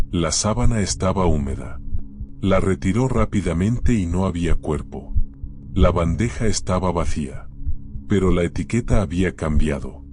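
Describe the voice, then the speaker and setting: Male narrator, very low voice, somber scripted horror reading. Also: darkish tone.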